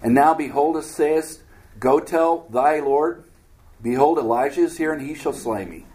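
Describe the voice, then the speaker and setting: A man teaches a Bible study, reading scripture aloud and then breaking in with casual, joking asides, sometimes acting out voices. His voice is fairly high-pitched and mellow, and he speaks a little slowly. The recording is low quality.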